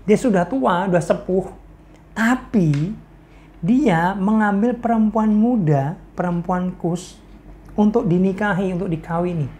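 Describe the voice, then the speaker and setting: A woman's voice: mid-range voice, measured pace, warm tone, a little hiss or hum. A woman preacher from Indonesia giving a casual devotional talk, playful and laughing often as she speaks. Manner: playful, laughs often, mixes in English slang.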